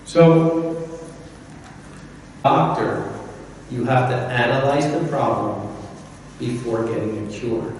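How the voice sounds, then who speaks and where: A man's voice: mid-range voice, fairly even intonation, takes it slowly, long pauses, a little mellow, slight background noise. A man preaching a sermon in a conversational, folksy way, often repeating his points. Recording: echoey hall from far off.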